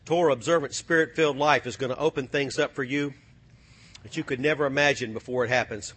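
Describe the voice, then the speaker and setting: A man preaching a sermon, swinging from low, quiet passages to shouted, fiery calls to the congregation. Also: quick pace, husky.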